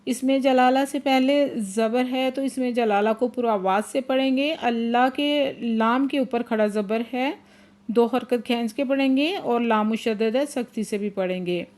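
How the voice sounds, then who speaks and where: A woman teaching Quran recitation, chanting verses slowly and drawn out, then explaining the rules briskly. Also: on the high side, a little mellow. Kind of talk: tajweed lesson, slow chanted recitation then quick explanation.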